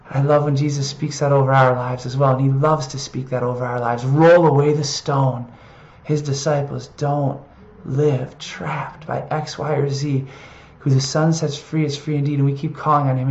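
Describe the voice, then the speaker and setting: An earnest preacher reflects on a Bible passage and reads the verses aloud with quiet emphasis. The voice sits in the middle range. It rings in a roomy space, and the recording sounds dull and lo-fi. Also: mid-range voice, flat delivery, normal speed. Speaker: preacher in an online video series.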